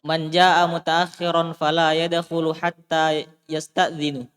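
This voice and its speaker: A young man reads text aloud in a monotone, with a clear and fairly high voice. He recites steadily and then translates. His voice has a long reverb behind it. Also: a little slow. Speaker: student.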